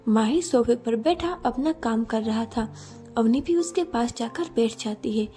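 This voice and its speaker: A woman narrating a romance story in a steady, even reading style. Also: fairly high pitch, unhurried, faint music behind.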